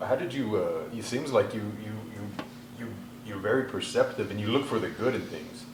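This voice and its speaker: A man interviewing, asking halting, stumbling questions. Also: on the low side, animated, noisy background. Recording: roomy echo, room ambience.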